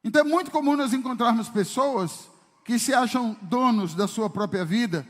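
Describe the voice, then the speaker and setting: In the long-reverberating church service hall, a pastor speaks at a moderate pace in a very high-pitched voice. He preaches emphatically, filling the sermon with rhetorical questions for the congregation.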